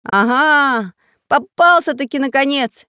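A woman voicing a brisk, bossy little iron man inventor in a children's audiobook, in a commanding manner. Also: high-pitched, bright, forceful tone, no room sound, clean studio sound, pitched above the performer's own voice, heavily acted.

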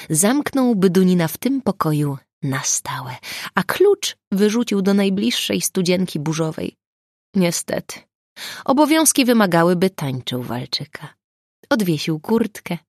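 A woman reads a novel aloud as an audiobook with a wry, expressive delivery. Her voice sits low with a gravelly texture and moves lively up and down. The recording is close and dry. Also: dry recording. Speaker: audiobook narrator. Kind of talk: scripted audiobook narration.

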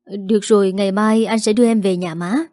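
A weary young husband, torn between wife and mother, answers irritably and tries to soothe, played by a woman reading a story. The voice stays mid-pitched in a dry, close sound. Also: fairly even intonation, fairly quick, dark tone, no room sound, close to an everyday voice. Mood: strained.

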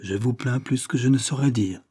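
Un homme lit le rôle d'un gentilhomme doux et compatissant, dans un roman. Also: male voice, medium pitch, moderate pace, slightly rough, voice pushed up, lightly acted. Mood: tender. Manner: soft, tender sympathy. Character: tender, sympathetic gentleman suitor.

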